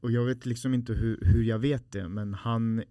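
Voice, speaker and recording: A man's voice: medium pitch, steady tone, warm tone, no echo. A man, a podcast guest telling a personal story in a heartfelt, rambling way with many fillers.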